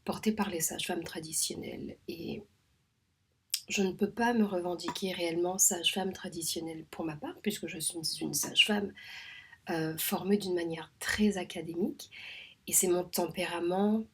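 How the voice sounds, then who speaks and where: A woman from Réunion, a home midwife, talking in a soft, measured way that often drops to a half-whisper, with frequent hesitations. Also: fairly low pitch, fairly even intonation, background noise. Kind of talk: reflective spoken monologue.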